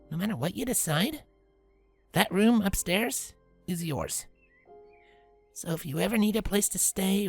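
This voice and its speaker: In an acted audio drama, a woman voices a grown pegasus pony who is tomboyish and protective, speaking calmly, low and reassuringly. Her voice is exaggerated, creaky and slightly rough.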